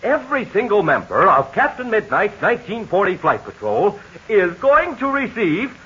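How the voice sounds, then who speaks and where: A man with a sharp, slightly rough, sing-song voice announces a 1940s kids' radio serial at a moderate pace. He pushes the sponsor's product to young listeners in a breathless, eager sales style, captured on a dull lo-fi transcription.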